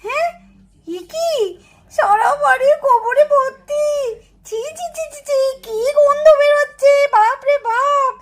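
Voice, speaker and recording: A woman puts on a quarrelsome village mother with a piercing, very high voice, always ready to pick a fight. She scolds and complains loudly, her words sharp and insistent. It is pure doll-show drama. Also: expressive, fairly quick. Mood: disgusted. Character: shrill quarrelsome village mother, easily enraged.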